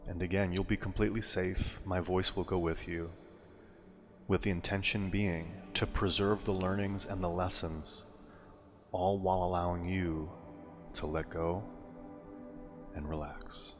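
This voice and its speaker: This is a calming male meditation narrator with a very low voice and long, drenching reverb. Working as a hypnosis and meditation guide, he speaks slowly and deliberately, pausing often, while music plays behind him.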